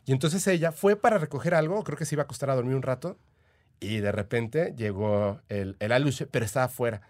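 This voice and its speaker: A man with a Mexican accent talks as a podcast guest, telling his stories in loose, eager chat. His voice sits at an ordinary middle pitch, and he fills his pauses with small verbal fillers. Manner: chatty, eager, full of "o sea" and "este" fillers. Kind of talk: casual storytelling.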